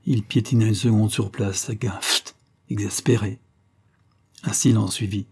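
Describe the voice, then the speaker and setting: A man narrating a literary short story in an audiobook, reading in a measured, even way. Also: on the low side, husky.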